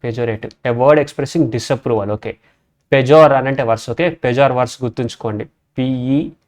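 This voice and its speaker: This medium-pitched male voice is slightly mellow, with fairly even intonation and a normal speaking speed. He's giving a relaxed English vocabulary lesson about word roots, spelling terms letter by letter and repeating "okay" frequently.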